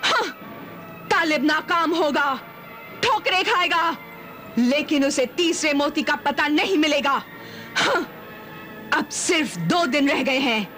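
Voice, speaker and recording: A woman's voice: sits high, expressive, slow, long pauses, pushed and bright, faint music behind, full character voice. An actress playing a cruel sorceress queen who taunts her victim in a gloating sing-song manner. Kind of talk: 1990s TV fantasy drama acting.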